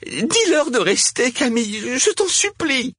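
A man voicing an anguished woman who begs and pleads in a shrill, strained voice in a storybook reading. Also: very animated, a little slow, fairly bright tone, slightly rough, dry recording, studio quality, exaggerated voice. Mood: desperate pleading.

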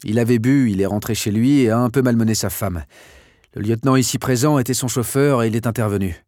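A man voicing a gruff, blustering army general who gives orders and loses his temper, for an audiobook. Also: medium pitch, darkish tone, no room sound, clean studio sound, lightly acted. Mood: stern. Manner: commanding, quick to explode. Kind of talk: audiobook character voice.

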